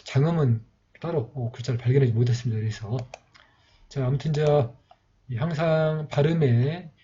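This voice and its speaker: On a dull lo-fi recording with slight background noise, a man with a warm, medium-pitched voice patiently teaches how to write the letters of an old script at a moderate pace. He repeats himself as he goes, often saying "이렇게 이제."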